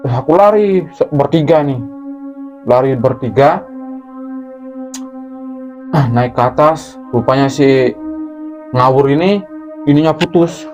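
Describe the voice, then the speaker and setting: Slow and pausing often, a mid-range male voice relates a true horror story as a guest storyteller, casual yet animated as he acts out screams and crashes. The recording is muffled with music underneath.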